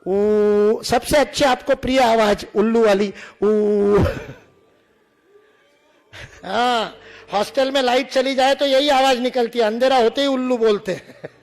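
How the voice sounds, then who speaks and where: A man's voice: very high voice, fairly even intonation, brisk. A man from India lecturing to students, demonstrating sounds and teasing the audience with humor.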